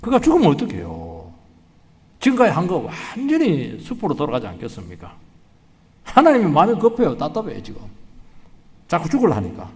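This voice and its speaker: Male pastor, lively rising delivery, higher voice, long church reverb. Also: a little fast, pauses often. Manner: dramatic, acts out quoted voices, rising to emphatic peaks. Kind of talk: sermon. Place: church sanctuary.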